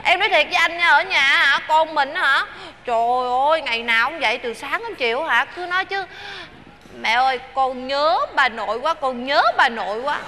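An actress playing a pleading young country sweetheart with a Southern Vietnamese accent, coaxing and chatty. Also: female voice, sits high, normal speed, bright, forceful tone, slight background noise.

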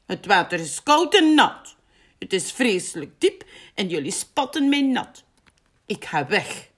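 A woman's voice: high voice, huge pitch swings, slow, darkish tone, voice pushed up, heavily acted. A woman voicing a fussy, hesitant young male pig in a storybook reading. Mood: cross. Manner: whiny, pleading, stalling.

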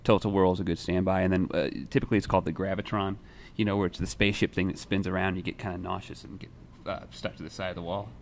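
Young male host, very low voice, laid-back and rambling, faint room hum. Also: fast talker. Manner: relaxed, rambling, many fillers and restarts. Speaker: music writer and show host. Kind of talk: casual newsroom chat. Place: newsroom studio. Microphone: desk microphone.

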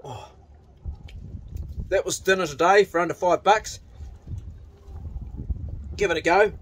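Holding his phone at arm's length, a middle-aged vlogger wanders his kitchen, yard and glasshouse, talking casually to camera. His high voice has a fairly bright tone and a slow delivery, with a broad New Zealand accent and a relaxed, blokey, slangy manner.

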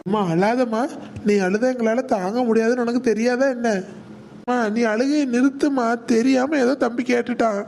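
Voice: medium pitch, steady tone, moderate pace, gravelly, darkish tone, a little hiss or hum, lightly acted. An actor voicing a worried elder son in a cartoon skit who comforts his mother and pleads with her. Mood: plaintive. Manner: plaintive, conciliatory.

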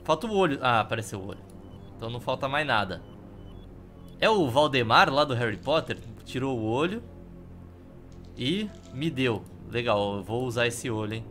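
A man's voice: medium pitch, animated, moderate pace, pauses often, fairly bright tone. A Brazilian man casually commentating a video game as he plays, with wry, offhand humour. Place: indoor room. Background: game music.

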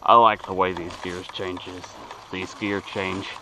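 This young vlogger's deep voice sounds flat and slow as he chats casually while biking through a wooded yard. He rambles and stumbles, captured on a handlebar-mounted action camera with background noise.

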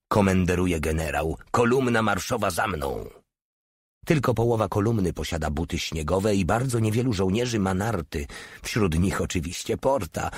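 A man's voice: breathy edge, no room sound, studio quality. A man reading a war novel aloud as audiobook narration, raising his voice for the characters' lines. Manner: acts out the characters' lines with raised pitch.

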